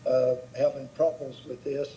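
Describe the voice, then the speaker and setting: A board member asking halting questions at a public hearing over a video call whose audio keeps breaking up. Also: male voice, medium pitch, little pitch movement, mellow, slight background noise. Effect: choppy video call audio cutting out. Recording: dull lo-fi video call line.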